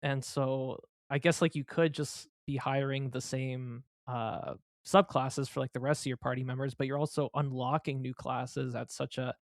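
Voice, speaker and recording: Man, mid pitch, dry close sound, halting casual podcast chat. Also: steady tone, creaky, no echo. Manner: halting, restarts and "like" fillers. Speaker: podcast panelist.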